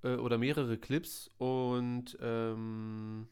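A man's voice: mid-range voice, little pitch movement, very slow, darkish tone, smooth. A man co-hosting a film podcast, chatting casually with dry, teasing remarks. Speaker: podcast co-host. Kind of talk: casual chat.

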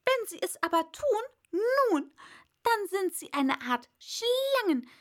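A woman's voice: extremely high pitch, sing-song, takes it slowly, voice pushed up, heavily acted. A woman voicing an indignant female pigeon who shrieks and scolds in a sobbing complaint, as a character in a read-aloud story. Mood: scornful. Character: shrill, indignant female pigeon guarding eggs. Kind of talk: audiobook character voice.

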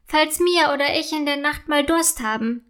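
A woman voicing an excitable young girl who talks eagerly and stammers when caught out. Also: sits high, moderate pace. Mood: excited.

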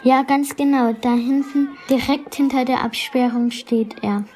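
A woman voicing an excitable young girl who adores a film star. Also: sits high, a little slow, slight background noise. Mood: excited. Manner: gushing, excitable.

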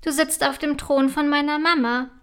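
A woman's voice: sits high, steady tone, moderate pace, fairly bright tone. A sweet little princess, read by a woman. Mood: gentle. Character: curious kind little princess girl.

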